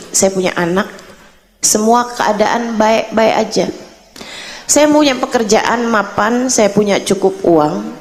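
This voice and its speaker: A middle-aged woman preacher telling a story in a gentle, clear manner, acting out the people she quotes. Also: mid-range voice, long reverb tail, rough recording. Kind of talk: religious talk with story.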